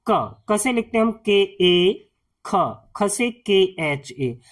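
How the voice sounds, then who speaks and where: A man teaching as a tutor in a slow classroom-style lesson, patiently repeating each sound and spelling step by step. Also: high-pitched, sing-song.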